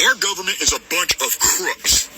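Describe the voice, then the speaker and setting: Angry man venting, lively high voice. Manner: agitated, indignant, voice cracks with upset. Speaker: farm owner venting in a video. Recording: phone recording with noisy background.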